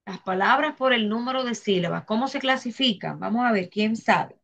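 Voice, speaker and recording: A woman teacher with a Dominican accent giving a grammar lesson in a classroom, talking slowly, repeating herself and putting questions to her students. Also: on the high side, lively intonation, gravelly, fairly bright tone, dull audio. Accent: Dominican Spanish.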